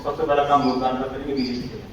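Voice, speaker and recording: A man's voice: medium pitch, flat delivery, rapid-fire, dull audio. A man at a public debate, pressing others to say what they want. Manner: urging, pressing others to speak. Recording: very echoey hall, distant, noisy.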